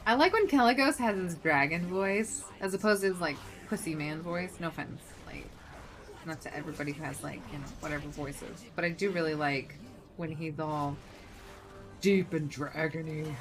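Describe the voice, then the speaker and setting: A woman with a fairly low voice chats casually on a gaming livestream. She thinks aloud as she plays, moving between muttered asides and livelier remarks, with faint music behind her. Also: brisk, poor audio. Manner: chatty, thinking aloud, swinging from muttering to exclaiming. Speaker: game streamer.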